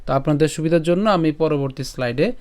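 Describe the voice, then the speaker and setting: A man leads an online recitation lesson, chanting verse lines slowly and deliberately before explaining pronunciation piece by piece. His voice is smooth and resonant, pitched a bit above the usual male range. He sounds close to the mic. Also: a little mellow. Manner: slow, drawn-out chanting of verse, then explaining pronunciation step by step. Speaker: Sanskrit recitation teacher.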